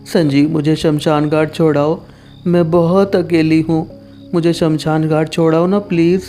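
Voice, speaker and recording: A man's voice: fairly high pitch, little pitch movement, a little slow, dark tone, faint music behind, voice pushed up, close to an everyday voice. A man voicing a grieving, haunted young wife in a storybook tale, pleading through tears. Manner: pleading, weeping.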